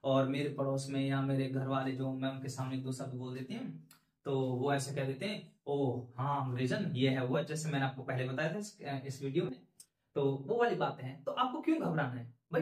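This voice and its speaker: A male spoken English teacher giving an earnest, encouraging lesson talk to learners, repeating his points with rising emphasis. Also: on the high side. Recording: echoey room.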